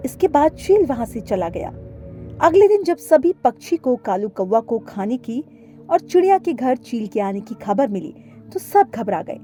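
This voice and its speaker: A woman narrating a children's cartoon story in a clear, expressive storytelling voice, recorded as a studio voice-over. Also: fairly high pitch, normal speed, faint music behind.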